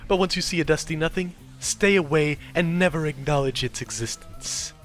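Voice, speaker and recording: A man's voice: a little high, normal speed, a bit bright, soft background music. A man giving a mock dramatic reading with sarcastic commentary asides, in a theatrical manner. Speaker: commentary video narrator.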